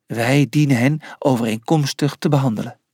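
Young emperor, calm, commanding, measured speech, voiced by a man. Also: medium pitch, natural voice. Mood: stern.

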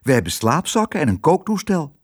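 An eager young girl , voiced by a man reading aloud, bright-voiced and lively, rising high whenever she gets excited. The husky tone stays close and dry. A storybook child setting off on an adventure. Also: brisk.

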